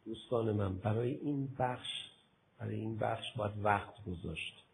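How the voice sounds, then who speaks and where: A man preaching a religious sermon, acting out imagined talks with his listeners, going from a soft murmur to loud outbursts. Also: lowish voice, vocal fry, slightly rough, rough recording. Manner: acts out both sides of imagined dialogues with listeners; swings from soft murmur to loud impassioned exclamation.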